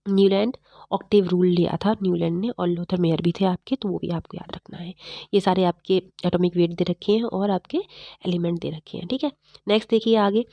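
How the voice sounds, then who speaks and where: A woman teaching chemistry in a fast, repetitive exam-prep lecture, slightly unwell. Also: medium pitch, gravelly, dark tone, dry recording. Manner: fast-talking, repetitive quizzing of students.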